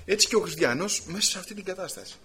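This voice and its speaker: A man preaching a sermon, animated, swinging between loud emphasis and quiet asides. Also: sits high, slight background noise.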